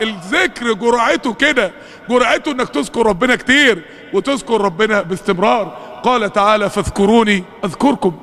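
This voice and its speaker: Fervent high-pitched Egyptian preacher. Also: male voice, big-room sound. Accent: Egyptian Arabic. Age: 40s. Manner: fervent, chants Quran verses in rising drawn-out shouts. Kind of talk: sermon.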